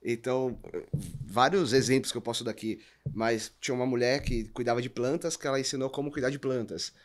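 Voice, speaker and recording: Fairly quick and steady in tone, this mid-range male voice carries a Brazilian accent. Appearing on a podcast, he breaks down business topics with examples, teaching emphatically and often throwing out rhetorical questions in a conversational style.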